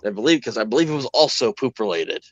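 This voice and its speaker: A man's voice: medium pitch, lively intonation, fast talker, no room sound, highs cut off. A man running a tabletop game on a live stream, talking casually and thinking aloud with hesitations. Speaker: game master.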